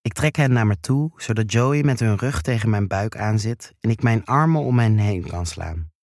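A man reading a first-person erotic story aloud in a slow, hushed, intimate way. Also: fairly low pitch, expressive, dry recording, studio quality. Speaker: narrator.

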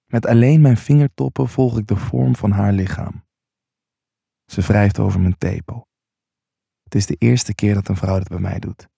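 Man, erotic story narration, gravelly, dark tone, intimate first person. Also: fairly low pitch, normal speed, dry recording, studio quality.

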